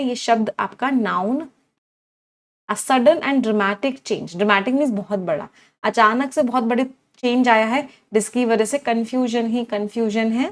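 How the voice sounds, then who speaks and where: A woman teaching an online English vocabulary class, repeating her cues and asking her students questions. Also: a little high. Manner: drills words aloud with repeated cues, asks students questions.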